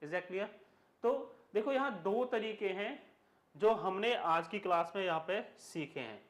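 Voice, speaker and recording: A man's voice: high voice, a little slow, reverberant. A man teaching English grammar to schoolchildren in a classroom lecture. He switches between Hindi and English, spells words out letter by letter, and asks the class questions that he answers himself.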